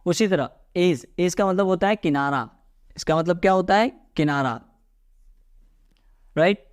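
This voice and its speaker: A young man with an Indian accent teaching a lively lesson, asking his viewers rhetorical questions and calling them guys. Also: high-pitched, unhurried, clear, resonant tone. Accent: Indian English. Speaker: English teacher. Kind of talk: classroom lesson.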